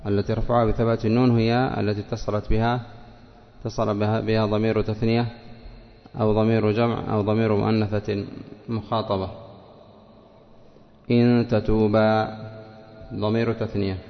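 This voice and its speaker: A man's voice: lowish voice, flat delivery, fast, soft background music. A man teaching a grammar class who questions students by name and repeats their answers. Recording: dull lo-fi sound with long hall reverb.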